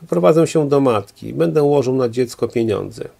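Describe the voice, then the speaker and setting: Male reader playing a cool, overly courteous husband walking out; measured, a bit gravelly. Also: mid-range voice, expressive, mellow. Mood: earnest, controlled. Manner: polite, controlled, hesitant. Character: calm, detached husband leaving home.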